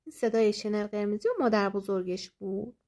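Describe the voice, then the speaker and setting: A woman narrating a children's fairy tale in a lively, expressive storytelling manner. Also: medium pitch. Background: soft guitar music.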